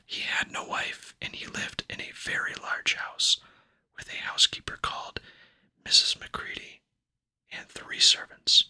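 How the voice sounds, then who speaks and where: In a gentle, breathy whisper, a male ASMR host reads a book aloud, keeping his delivery quiet, unhurried and soothing.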